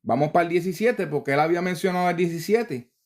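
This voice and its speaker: A man teaching from the Bible, reading verses slowly and deliberately with casual asides to the viewer. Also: on the high side, a little mellow.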